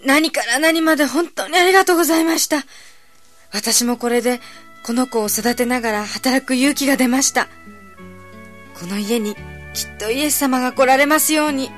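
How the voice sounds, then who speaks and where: A woman's voice: high voice, moderate pace, fairly bright tone, faint music behind. A woman playing a grateful young mother. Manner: politely grateful. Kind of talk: radio drama acting.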